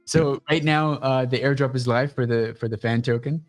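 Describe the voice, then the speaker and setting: This man, a guest on a relaxed livestream show, sells his startup in a crude, no-nonsense, high-energy way. He keeps to a moderate pace.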